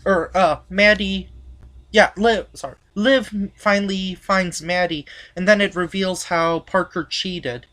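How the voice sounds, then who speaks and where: A woman hosting a casual episode review chat, recapping the plot in halting sentences with many restarts. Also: on the low side, a bit bright. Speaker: podcast host.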